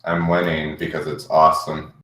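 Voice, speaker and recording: A man's voice: rumbling low, monotone, normal speed, bright, forceful tone. A man joining a casual gaming chat, speaking in short, joking remarks. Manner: terse and joking. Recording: far from mic in a very echoey room.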